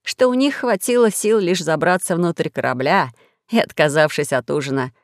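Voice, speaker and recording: A woman reads a children's story aloud in an expressive storytelling manner. Her voice sits slightly low. The recording is dry and close. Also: moderate pace, dry recording. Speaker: narrator. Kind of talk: audiobook story reading.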